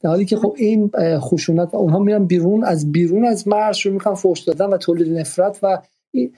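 A male host moderating a discussion, thoughtful and hesitant, with many pauses and fillers. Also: high voice, dark tone, slightly rough.

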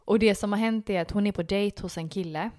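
A woman in casual podcast conversation as co-host. She chats easily, reacts quickly and adds dry jokes. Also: medium pitch, a little mellow. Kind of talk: casual chat.

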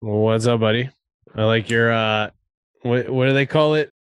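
Breezy, clear-voiced male podcast co-host. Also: medium pitch, moderate pace, no echo. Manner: breezy, slangy bro talk. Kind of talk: casual chat.

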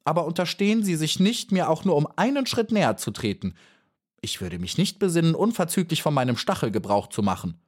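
A man's voice: fairly high pitch, huge pitch swings, normal speed, husky, pitched above the performer's own voice, heavily acted. A man voicing a young female bee in a storybook, small, earnest and brave, pleading at times and firm at others. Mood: stern.

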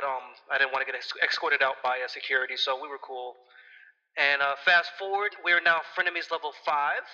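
A man's voice comes through a dull payphone line with a long, roomy echo. His tone is very bright and pitched a little high, and he tells stories in a chatty way, laughing between them. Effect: calling in over a prison payphone line. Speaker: caller. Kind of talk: casual birthday toast.

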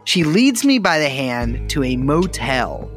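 Lively, rambling comic podcast host. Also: mid-range voice, slow, soft background music. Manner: rambling, hyperbolic, profane. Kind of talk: comedic podcast storytelling.

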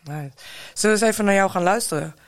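Hoge, krakerige podcasthost. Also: male voice, high-pitched, fast, dry recording, studio quality. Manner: upbeat, laughs easily. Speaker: podcast host. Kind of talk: podcast interview. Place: studio at a table.

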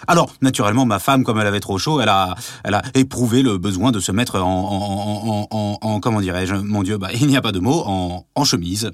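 An actor playing a quick-tempered, embarrassed husband who shouts and stammers in a comedy sketch. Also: male voice, fairly low pitch, no room sound, studio quality, natural voice. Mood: flustered. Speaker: official receiving a visitor. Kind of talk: stage comedy sketch acting.

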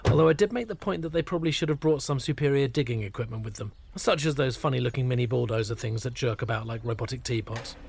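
A man giving a scripted comic narration in a deadpan, mock-pompous manner. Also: mid-range voice, quick pace, vocal fry, hardly any pauses, slight background noise. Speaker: narrator of a comic pub review.

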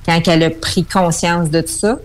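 A woman's voice: on the low side, fairly even intonation, normal speed. A woman with a Québécois accent, calling in over the phone as a radio guest and explaining at length with fillers and restarts. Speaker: numerology guest.

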